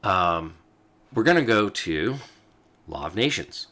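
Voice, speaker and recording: A man hosting a show reads old legal texts aloud in a low, pushed, bright voice, very animated yet slow-paced. As he reads he explains, dropping in fillers and asides.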